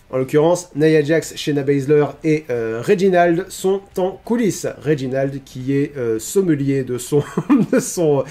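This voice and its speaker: A man's voice: fairly high pitch, warm tone. A man streaming a casual wrestling recap, chatty and hesitant, with frequent restarts. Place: home streaming setup. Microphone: streaming microphone.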